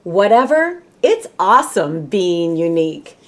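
Indoors in a small room at home, a middle-aged Michigan woman volunteers as a storybook reader, telling a children's read-aloud story expressively in her American Midwestern accent. Her voice is on the low side, with big pitch swings and an unhurried pace.

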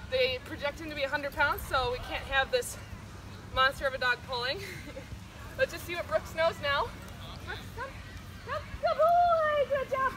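A woman's voice: sits high, noisy background. A woman working as a dog trainer who talks casually to the camera, laughs often and gives short, repeated commands to a dog outdoors.

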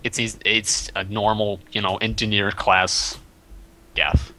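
Very bright-voiced halting game master. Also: male voice, on the low side, little pitch movement, low-quality recording. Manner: hesitant, full of fillers and restarts. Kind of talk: narrating a tabletop game over a stream.

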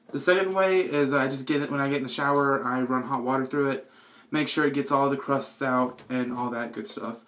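In a small bathroom with echoey reverb, a man with a mid-range, sharp-toned voice gives an informal, self-deprecating how-to in a casual vlog style.

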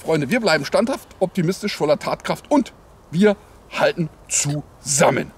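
A man's voice: fairly high pitch, expressive, moderate pace, breathy edge. A man as a parody news anchor, improvising satirical headline commentary in a mock-naive, sarcastic, rambling way. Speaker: host of a satirical news show. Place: outdoors in the cold.

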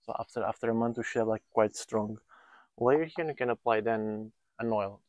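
A man's voice: on the low side, a little fast, darkish tone, no echo. A man in his thirties, a volunteer builder, being interviewed outdoors on a countryside building site, speaking in a hesitant way and often restarting his sentences while he looks for words. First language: Portuguese. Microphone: lapel mic.

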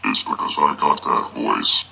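A menacing robot error entity in evil mode, its voice extremely deep and gravelly. It sounds hard and cutting, announcing penalties in a cold, threatening way. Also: male voice, measured pace, sharp tone, highs cut off, full character voice. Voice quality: synthetic robotic voice.

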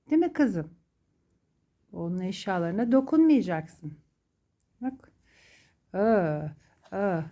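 Slow, mellow woman cooing to her pet. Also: medium pitch. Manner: cooing baby talk to her pet, affectionate pet names. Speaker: pet owner. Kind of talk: casual talk to a pet.

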